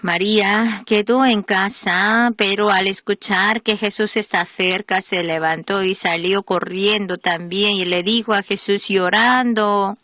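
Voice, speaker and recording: A woman reading a sermon as a voice-over in a steady, measured preaching manner. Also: medium pitch, no room sound. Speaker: voice-over reader of a translated sermon.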